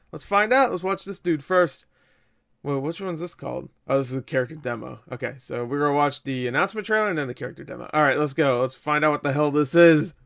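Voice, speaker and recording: A young adult man hosts a reaction video from a small room at home, exclaiming, swearing and throwing in joking asides. His mid-range voice is creaky with a fairly bright tone.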